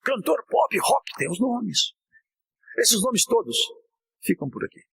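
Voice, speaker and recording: A man preaching an impassioned sermon, at times shouting and at times dropping low. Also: very animated, takes it slowly, gravelly, husky, poor audio. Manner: impassioned, often shouting, swinging from high to low.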